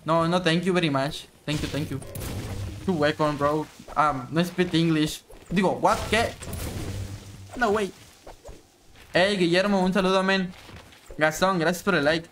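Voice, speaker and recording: Slangy young Mexican streamer, high voice. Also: male voice, a little slow, long pauses, slight background noise. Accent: Mexican Spanish. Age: 20s. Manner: slangy, chatty, hums and bursts into shouts. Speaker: game streamer. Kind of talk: casual live-stream chat.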